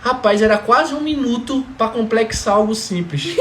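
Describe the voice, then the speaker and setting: A man with a very high voice speaks a little slowly about his family as a father, in a casual testimony. He's animated and emphatic, frequently asking "entendeu?". Echo and faint background noise mark the recording.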